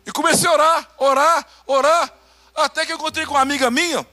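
A male pastor with a Brazilian Portuguese accent preaching a testimony sermon, acting out conversations and swinging between loud bursts and hushed lines. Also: very high voice, fairly even intonation, quick pace, faint music behind.

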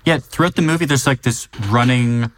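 A man's voice: mid-range voice, normal speed. Easygoing man recapping a movie. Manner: relaxed, recaps scenes with frequent fillers. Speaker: podcast co-host. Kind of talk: casual chat about a movie.

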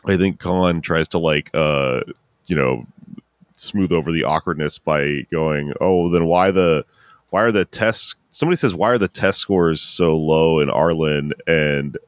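Brief: laid-back man podcast co-host, very low voice, dry close mic, casual swearing recap. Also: measured pace, dry recording. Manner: laid-back, swears, lots of fillers and laughter. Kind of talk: casual chat recapping a cartoon episode.

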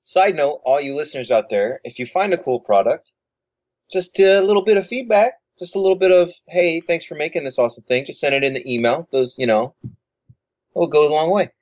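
A man's voice: a little high, animated, a little fast, darkish tone, no echo, highs cut off. A man co-hosting an interview podcast, asking questions in an easygoing way with hesitant starts. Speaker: podcast co-host. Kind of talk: casual interview chat.

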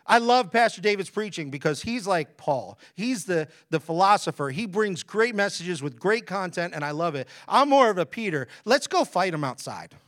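A man delivers a sermon as animated storytelling, with a high voice for a man that swings widely in pitch. He keeps breaking off for jokey asides to the congregation. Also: moderate pace, few pauses. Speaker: preacher. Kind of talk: lively conversational sermon.

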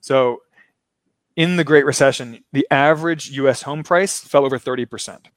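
Speaking at a moderate pace in a medium-pitched voice, this show host from Baltimore, Maryland runs a laid-back finance chat from Brazil. He explains concepts in a loose, lecture-like way and laughs frequently. There's no echo on the recording.

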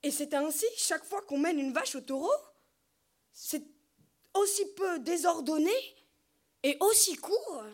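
Woman doing a baffled young guy asking questions, voice rising high. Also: animated, unhurried, pauses often. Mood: puzzled. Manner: wondering questions. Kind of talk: audiobook character voice.

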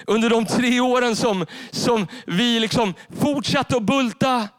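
A man preaching a sermon from a church stage, animated and repeating his key phrases straight to the congregation. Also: extremely high pitch, no echo. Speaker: pastor.

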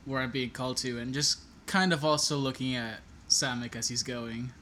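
Quiet uneasy young baker played by a man. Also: medium pitch, steady tone, normal speed, slight background noise. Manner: quiet, unnerved. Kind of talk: tabletop role-play.

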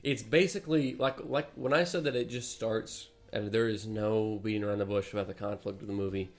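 A man's voice: fairly low pitch, fairly quick. A man co-hosting a casual podcast, animatedly retelling a movie with swearing and laughter. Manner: animated storytelling, swearing, laughing mid-story. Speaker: podcast co-host. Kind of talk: casual chat.

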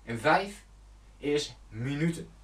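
A man talks viewers through goal-setting like a coach, earnest and direct, correcting himself and filling pauses as he goes. He stands back from the mic, and the room around him rings. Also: fairly high pitch, animated, a bit bright, reverberant, distant mic. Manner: loose and conversational, with fillers and self-corrections. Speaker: self-help coach. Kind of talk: motivational talk to camera.

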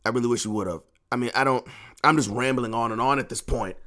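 A man's voice: mid-range voice, fast, bright, forceful tone. Man ranting in repeated, swearing bursts. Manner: agitated, repeats himself, swears freely. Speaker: sports podcast host. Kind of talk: ranting sports talk. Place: home podcast room.

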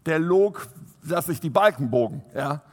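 A man preaching a sermon to a congregation. He is animated, swinging from loud emphasis to soft, quiet asides. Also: fairly high pitch, a little slow. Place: church hall. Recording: long hall reverb.

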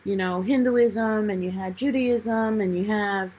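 A woman in casual conversation, asking questions and reflecting in a soft voice. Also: mid-range voice, a little slow, slight background noise.

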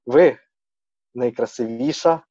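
A man's voice: mid-range voice, slow pace, dark tone, dry recording, lo-fi sound. A young man hosting a casual podcast chat, playful and teasing, slipping in Russian words. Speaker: podcast host.

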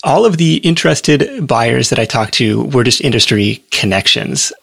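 A man speaking as a guest in a casual interview, telling his story in a relaxed, rambling way with plenty of fillers. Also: medium pitch, moderate pace, gravelly, slightly rough, dry recording, studio quality.

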